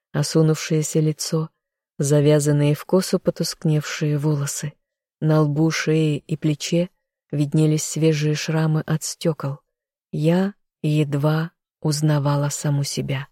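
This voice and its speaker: An audiobook narrator reading first-person narration in an even, measured way. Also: mid-range voice, dry recording, clean studio sound.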